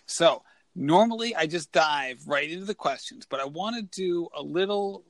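On his running podcast, a man with a slightly high, expressive voice speaks at a moderate pace in a dry recording. He eagerly introduces and chats with his guest in a casual interview, wandering off on small tangents.

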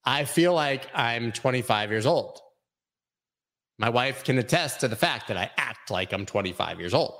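A man's voice: medium pitch, animated, normal speed, a bit bright. Rambling jokey man in his forties. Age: 40s. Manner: rambling, jokey, reads chat comments aloud. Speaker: crypto show host. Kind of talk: casual live-stream chat.

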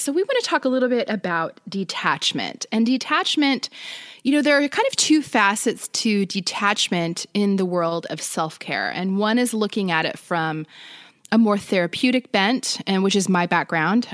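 Medium-pitched woman host, dry close sound. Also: animated, fairly quick, a bit bright, dry recording. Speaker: podcast host, former therapist. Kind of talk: casual explanatory talk.

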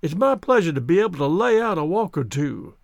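A man's voice: fairly high pitch, very animated, a little fast, creaky, no room sound, clean studio sound. A man doing a courtly old Southern colonel. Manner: ornate, formal, old-fashioned courtesy.

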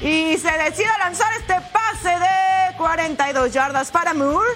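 A woman presenting American football highlights, exclaiming and stretching out key words in touchdown-call commentary. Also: unhurried, a bit bright, faint music behind.

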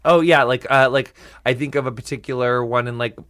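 Animated, campy man hosting a podcast. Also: fairly quick. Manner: animated, campy, swooping up in pitch for emphasis. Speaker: podcast host. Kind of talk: casual podcast chat.

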